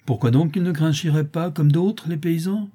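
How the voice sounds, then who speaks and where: A man's voice: a little high, normal speed, warm tone, husky, pitched above the performer's own voice. A man reading aloud and voicing a spiteful, mocking one-eyed old woman crook. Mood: wheedling. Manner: mocking, wheedling, sneering.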